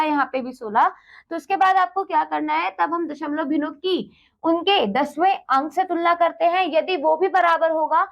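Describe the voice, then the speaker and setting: A woman's voice: high voice, creaky. A woman teaching math to children, explaining step by step with patience, asking the class questions and then answering them, and mixing English words into her speech. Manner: mixes English words into Hindi.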